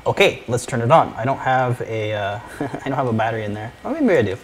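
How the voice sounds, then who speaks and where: A man's voice: medium pitch, sing-song, fast, a little hiss or hum. A man co-hosting a casual electronics project show, joking and laughing as he demonstrates hardware. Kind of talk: casual live show chat.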